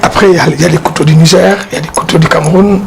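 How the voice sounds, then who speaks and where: High, gravelly man, halting talk. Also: steady tone. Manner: halting, repeats words while explaining. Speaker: art dealer and collector. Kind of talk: casual explanatory interview. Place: exhibition hall with his collection. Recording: noisy background hiss.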